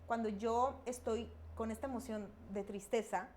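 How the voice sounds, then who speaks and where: A middle-aged woman, talking reflectively as a guest expert, with pauses and fillers. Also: on the high side, steady tone, a little mellow, slight background noise. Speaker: guest expert on emotions and fear. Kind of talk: conversational explaining.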